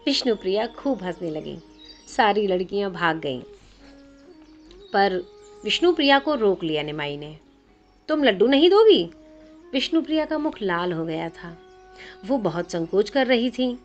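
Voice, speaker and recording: A woman storyteller narrates a devotional tale in a gentle, expressive voice, her pitch sitting in an ordinary middle range. The audio is slightly muffled and lacks crispness. Soft music plays faintly underneath her reading. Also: normal speed.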